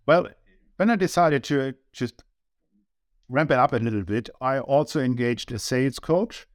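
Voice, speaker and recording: Recorded in clean studio conditions with no room sound, this mid-range male voice is animated and moves at a normal speed. He's a sixty-something business owner from Germany, chatting earnestly as an interview guest in a German accent. He keeps making small restarts as he talks.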